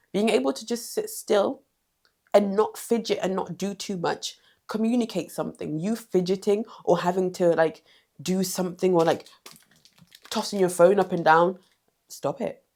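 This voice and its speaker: A woman's voice: on the low side, normal speed, pauses often, warm tone. A woman giving direct, emphatic confidence advice in a vlog, repeating short commands. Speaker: confidence coach.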